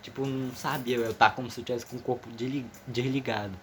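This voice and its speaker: A man's voice: medium pitch, fairly even intonation, quick pace, a bit bright, a little hiss or hum. Teenage boy, slightly nervous, slangy, rambling, casual storytelling. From Amazonas, northern Brazil. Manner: slangy, rambling, many restarts. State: a bit nervous. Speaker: vlogger.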